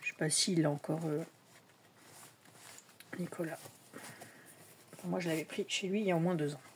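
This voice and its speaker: Casting: woman, lowish voice, casual hesitant show-and-tell chatter, faint room noise. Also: steady tone, normal speed. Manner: chatty, hesitant, many fillers, drops to whispers at times. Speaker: tarot deck collector showing decks.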